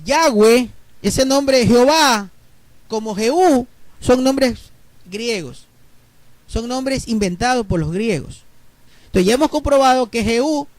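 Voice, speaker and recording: A man preaching a Bible teaching sermon, explaining word roots slowly and checking in with his listeners. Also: extremely high pitch, no echo. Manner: explains slowly, spells letters out, asks listeners ¿verdad?.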